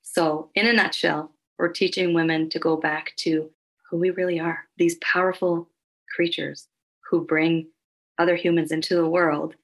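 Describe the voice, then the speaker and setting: A woman from Nova Scotia, a hypnotherapist guest on a podcast, explaining her work in a calm, earnest way. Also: lowish voice, normal speed, low-quality recording. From Halifax, Nova Scotia, Canada. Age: adult with children. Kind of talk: podcast interview.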